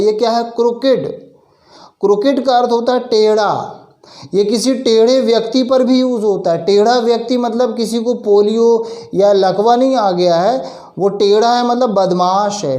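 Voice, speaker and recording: A man teaching a spoken English lesson for Hindi-medium learners, explaining patiently, asking the class questions and answering them himself, and reading English phrases out slowly and deliberately. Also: high voice, darkish tone, roomy sound.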